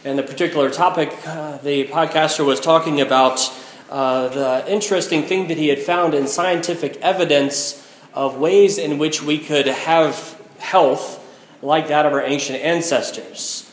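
American priest, echoing in a big church. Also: male voice, on the high side, steady tone, moderate pace, slight background noise. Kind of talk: liturgical Gospel reading and homily. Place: inside a large church. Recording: echoing large church hall.

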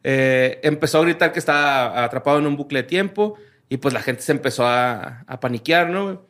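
A man's voice: mid-range voice, a little fast, fairly bright tone. A man with a Mexican accent hosting a casual podcast, reading strange news stories aloud in a slangy, laid-back way. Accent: Mexican Spanish.

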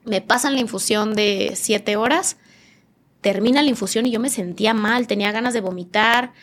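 A woman's voice: mid-range voice, moderate pace, a bit bright. Mexican woman telling a vivid story. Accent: northern Mexican. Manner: vivid storytelling, acting out quoted dialogue in changed voices. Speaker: podcast guest, nutritionist. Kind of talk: emotional personal testimony.

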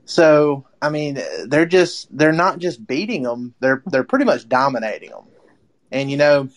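A man's voice: a little high, a little slow. A man hosting a casual sports talk show, rambling with lots of fillers and restarts as he calls on his co-hosts. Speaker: podcast host.

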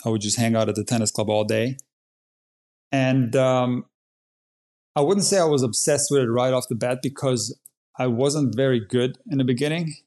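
Brief: man in his 40s from Croatia, middle-pitched, earnest podcast guest telling his story. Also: normal speed, darkish tone. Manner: earnest, storytelling, plain-spoken. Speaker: tennis coach guest. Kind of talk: podcast interview.

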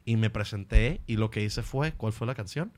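A man with a Venezuelan accent, a comedian guest telling stories on a podcast in a lively way. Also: lowish voice, normal speed. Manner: animated storyteller who slips into accents and impressions. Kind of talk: casual podcast storytelling.

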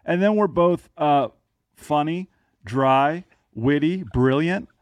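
A man's voice: a little high, slow pace, no echo. A man in his thirties hosting a podcast in casual chat, with dry, self-mocking humor. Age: 30s. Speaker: podcast host.

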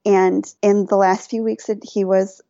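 A woman guest on a podcast telling a personal story in casual chat, animated, laughing often and quoting herself and others. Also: mid-range voice, unhurried, vocal fry, dry recording, muffled recording.

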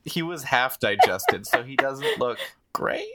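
A man playing a tabletop game, talking in a halting, wry way. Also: mid-range voice, wildly swooping pitch. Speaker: player. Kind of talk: casual tabletop game chat. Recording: loud noisy recording.

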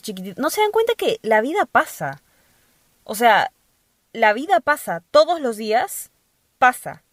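A woman's voice: fairly high pitch, dry recording. Chatty young woman, dry close sound. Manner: chatty, playful, quick asides. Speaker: podcast host. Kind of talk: casual monologue.

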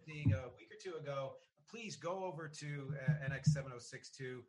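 Here a South Jersey man hosts a laid-back podcast interview, speaking at medium pitch and a moderate pace. He rambles and keeps breaking off mid-sentence.

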